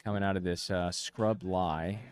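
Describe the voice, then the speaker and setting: A low-voiced man works as a golf commentator, calling shots one by one. He talks in measured play-by-play phrases, leaning on the jargon of the course. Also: steady tone.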